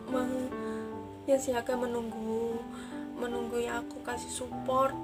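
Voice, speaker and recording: A woman vlogger telling a personal story into a phone mic in an emotional, sorrowful way, often addressing her viewers as guys. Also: sits high. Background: background music.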